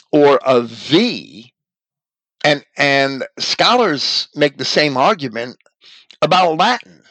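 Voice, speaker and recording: A man giving a measured, deliberate lecture on scripture and language, now and then pausing to correct himself. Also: mid-range voice, fairly bright tone, no room sound, rough recording.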